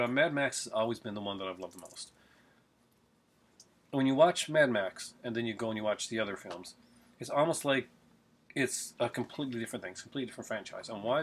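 A fairly low, slightly rough voice comes from a middle-aged Blu-ray collector filming an unboxing on his desk webcam in a small home room. He chats loosely and rambles, often restarting and using fillers.

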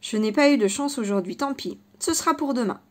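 A woman voicing a vengeful, grumbling male fox in a children's storybook, blustering and shouting. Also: fairly high pitch, lively intonation, a little fast, natural voice.

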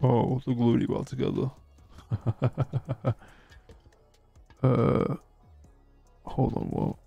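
A man chatting casually while streaming a game, rambling and hesitant, with a croaky, sleepy voice. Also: mid-range voice, little pitch movement, very slow, no room sound, dull audio, faint music behind. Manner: rambling and hesitant, many restarts. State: sleepy, yawning. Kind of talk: casual live-stream chat.

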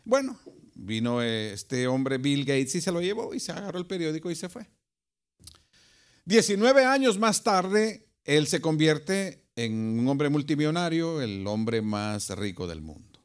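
A man preaching a sermon, telling a story with rhetorical questions and quiet asides. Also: a little high, big pitch swings, a little slow, clear, resonant tone.

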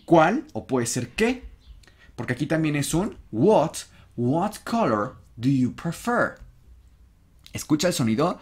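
Husky, lively teacher. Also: male voice, mid-range voice. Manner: encouraging, repeats example sentences slowly, chatty asides. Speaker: English teacher. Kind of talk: online English lesson for Spanish speakers.

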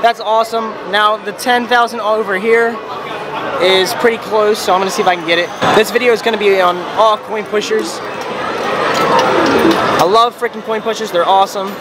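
Excitable high-voiced young man in noisy arcade. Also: moderate pace, over a noisy crowd. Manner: excitable, repetitive, slangy. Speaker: arcade video maker. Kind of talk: excited casual vlog commentary while playing. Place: inside a busy arcade. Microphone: handheld camera mic. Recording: loud noisy arcade, handheld camera.

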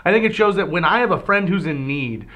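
A man's voice: high-pitched, animated, quick pace, sharp tone. A male radio DJ giving mock-serious, rambling non-answers in a comedy debate.

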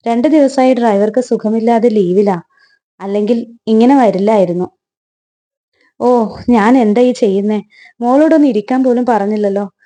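A woman's voice: a little high, normal speed, pauses often, warm tone, close to an everyday voice. A woman voicing a flustered, grateful wealthy mother who fusses over her guest. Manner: flustered, fussing.

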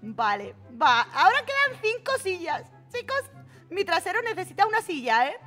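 A young woman with a Peninsular Spanish accent chatters through an online game, her voice very high and lively, jumping all over its range. She squeals and exclaims constantly, and game music plays behind her. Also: normal speed. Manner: excitable, giggly, exclamatory. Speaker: gaming channel host. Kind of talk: casual Roblox gameplay commentary.

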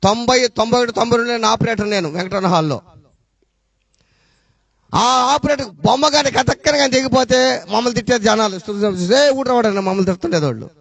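In a church, a middle-aged man with a Rayalaseema Telugu accent preaches a testimony sermon, firing off rhetorical questions and swinging between loud and low. His delivery is brisk and lively in intonation, with some vocal fry.

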